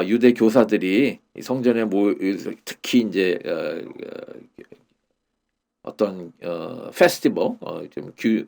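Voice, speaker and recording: A man teaching a Korean-language lesson on English Bible verses. He explains slowly, repeats the English phrases and uses many fillers. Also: on the low side, gravelly, darkish tone.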